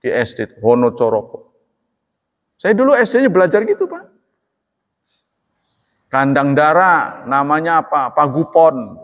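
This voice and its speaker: A man teaching religion in a relaxed, chatty way, joking and laughing as he talks. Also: a little high, measured pace, long pauses, highs cut off. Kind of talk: casual religious talk. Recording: long hall reverb.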